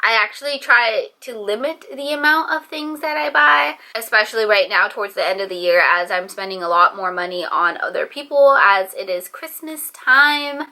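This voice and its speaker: A woman's voice: medium pitch, normal speed, hardly any pauses, pushed and bright. A woman in her twenties from the San Francisco Bay Area, chatting casually to camera as a vlogger, rambling with lots of fillers. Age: 20s.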